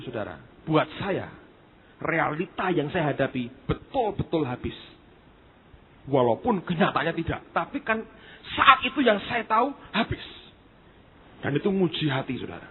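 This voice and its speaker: A male pastor preaching in a storytelling sermon, talking conversationally, speaking straight to his listeners with dramatic pauses. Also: a little high, slight background noise. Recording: tinny phone-like lo-fi recording.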